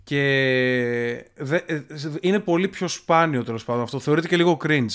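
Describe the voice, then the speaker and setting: A man's voice: medium pitch, a bit bright, clean tone. A young man co-hosting a podcast, confidently explaining at length in casual chat. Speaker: podcast co-host.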